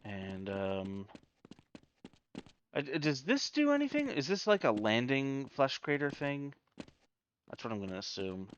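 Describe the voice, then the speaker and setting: A man's voice: medium pitch, big pitch swings, a little slow, long pauses, dull audio, a little hiss or hum. A man giving casual gameplay commentary, thinking aloud in a hesitant way. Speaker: gamer.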